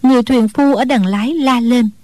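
A woman reads a storybook aloud in a steady, even storyteller's manner. Her voice sits a little high and sounds dry and close to the mic. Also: brisk, no room sound. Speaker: audiobook narrator. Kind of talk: scripted storybook narration.

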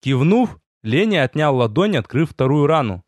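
Lively male audiobook narrator. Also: on the high side, moderate pace, no echo, clean studio sound. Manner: lively storytelling, with voiced dialogue. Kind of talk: first-person fantasy narration.

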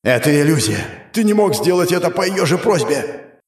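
Guy voicing a furious teen demon emperor, shouts way up high, voice breaking, dry recording. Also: big pitch swings, slow pace, husky, no echo, full character voice.

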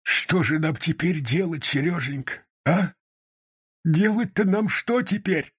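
A man doing a husky, tearful old grandfather. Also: sing-song, unhurried, dry recording, studio quality, exaggerated voice. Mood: dismayed, helpless. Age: older. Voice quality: hoarse, croaky falsetto when calling. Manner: pleading, helpless, anxious. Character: frail, tearful old male street performer.

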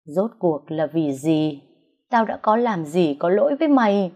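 A woman's voice: lowish voice, lively intonation, measured pace, a little mellow. A woman voicing a furious, betrayed young woman who screams accusations and chokes on sobs, in a story reading on dull, lo-fi audio. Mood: tense, choked. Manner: shrieking accusations, breaking into sobs.

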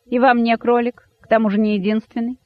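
A man's voice: extremely high pitch, level tone, no room sound, voice pushed up. A man doing a hissing python king. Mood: menacing. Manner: hissing, slow, threatening. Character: menacing old king python, pompous and slow. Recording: dull lo-fi dry recording.

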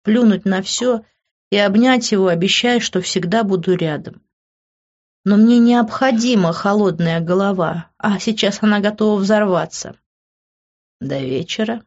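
A woman narrating a romance audiobook in the first person, in a steady, expressive manner. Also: mid-range voice, moderate pace, lo-fi sound. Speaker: audiobook reader.

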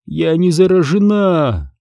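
A man's voice: a little high, very animated, takes it slowly, vocal fry, dark tone, dry recording, clean studio sound, voice pushed up, full character voice. A man reading an audiobook who voices a frightened, lovesick teenage girl in a raised, tearful, pleading voice. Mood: weeping.

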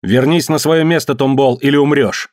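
A man voicing a fierce young male savage who shouts commands and challenges the group's leader. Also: mid-range voice, normal speed, no echo, studio quality, natural voice. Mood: defiant.

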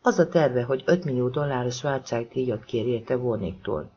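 A man reading an audiobook as narrator, in a lively, expressive way. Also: medium pitch, muffled recording, a little hiss or hum.

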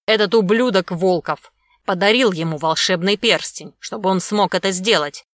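A woman's voice: on the low side, no room sound, natural voice. A woman voicing Prince Dragon, growling villain. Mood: furious. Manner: loud, growling, slow menacing commands. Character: cruel scheming middle-aged male prince villain.

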